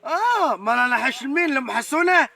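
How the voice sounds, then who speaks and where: A man playing a gruff farmer, scolding and threatening a neighbor over his clover. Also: very high voice, animated, very fast, bright, forceful tone, heavily acted.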